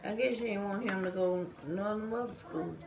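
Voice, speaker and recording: A woman's voice: mid-range voice, fairly even intonation, normal speed, creaky, background noise. A woman chatting bluntly and gossiping with family during a meal at home. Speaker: family member at the table. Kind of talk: casual family chat. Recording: loud dish and cutlery clatter.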